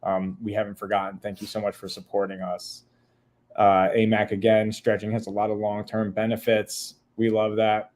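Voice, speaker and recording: A man's voice: on the low side, completely flat delivery, normal speed, darkish tone. A man hosting a casual podcast, upbeat as he reads out live comments and thanks listeners. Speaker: podcast host.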